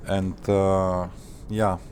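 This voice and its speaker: A man hosting a flight simulator channel, talking casually in deliberate, formal phrases with hesitant pauses. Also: sits low, level tone, a little mellow, slight background noise. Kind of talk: casual tutorial commentary.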